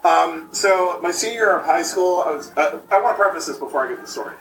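A man in his late thirties, fairly high-pitched, rambles through a self-mocking story with lots of stops and restarts. His voice sounds tinny and hollow, as if he were talking from inside a metal can. He sits well back from the mic over a remote line, with faint hiss behind him. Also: animated, quick pace, a bit bright, roomy sound, recorded from a distance. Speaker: podcast guest, improv performer. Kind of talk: casual chat, storytelling.

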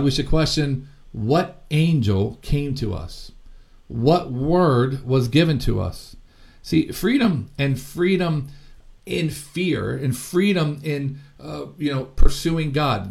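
A man's voice: on the high side, expressive, slow, vocal fry. A middle-aged man preaching a sermon earnestly and from the heart, with frequent fillers and restarts. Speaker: ministry founder and preacher. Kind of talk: sermon teaching.

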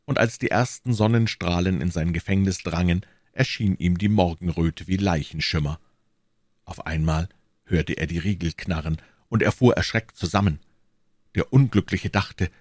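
A man narrating a classic novel as an audiobook in a measured, expressive storytelling manner. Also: low voice, dry recording, studio quality.

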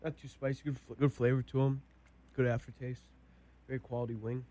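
A man's voice: medium pitch, little pitch movement, brisk, mellow. A young man tasting food on a casual show, giving short clipped verdicts. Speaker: guest taster. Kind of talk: casual food taste-test chat.

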